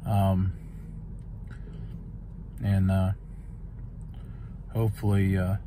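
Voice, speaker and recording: A man's voice: sits low, little pitch movement, drawn-out words, background noise. A man, chatting casually in a farm vlog, rambling and laid-back with lots of ums. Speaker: farmer vlogger. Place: on a farm outdoors and in a truck cab. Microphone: phone camera at arm's length.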